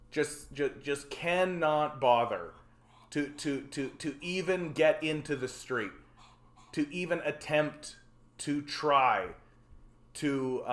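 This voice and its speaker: A man's voice: a little high, a bit bright. Frustrated, stammering man in his forties. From Canada. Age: 40s. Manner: frustrated, rambling, stammering repeats. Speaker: livestream host. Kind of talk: ranting solo livestream talk. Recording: roomy echo.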